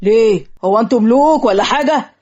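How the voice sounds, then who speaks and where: A woman's voice: fairly high pitch, fast talker, darkish tone, natural voice. Woman voicing a haughty old bride's father. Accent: Egyptian. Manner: haughty, bargaining. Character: proud older father of the bride, demanding. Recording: lo-fi muffled audio.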